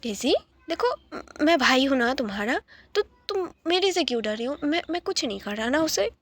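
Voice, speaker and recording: A protective young brother, quick to anger, coaxes his sister with stammering words, as a woman narrator plays him. The voice stays light and high. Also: very animated, no echo. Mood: coaxing. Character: protective older brother, young man, hot-tempered.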